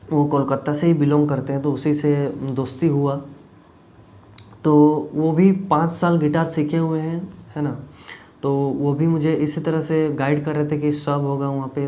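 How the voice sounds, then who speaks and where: Talking casually to camera, this Jharkhand-born YouTube vlogger recounts an audition in a rambling way, leaning on lots of fillers. He's a young man whose voice is slightly high and dark in tone.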